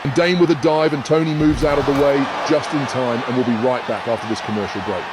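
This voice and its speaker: A man calling wrestling play-by-play, excitably naming each move as it lands. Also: mid-range voice, fast. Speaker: play-by-play commentator. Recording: loud arena crowd and noise behind.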